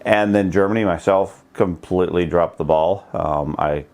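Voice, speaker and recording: A middle-aged man hosting a casual video blog update, talking in a rambling, low-key way and often correcting himself mid-sentence. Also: moderate pace, darkish tone. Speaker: channel host.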